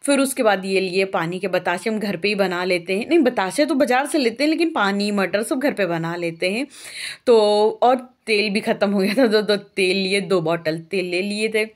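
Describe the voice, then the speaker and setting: A young woman vlogger from Uttar Pradesh, India, narrates her household chores in a rambling, homely, chatty style. She talks easily at a moderate pace, keeps her pitch in the middle range for a woman, and often pauses on small filler sounds.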